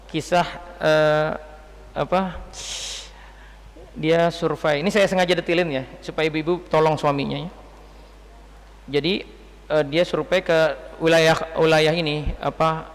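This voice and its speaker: High-voiced man preaching in an echoing hall. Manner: chatty, joking, quizzing the audience. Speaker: Islamic preacher. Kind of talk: religious lecture to women.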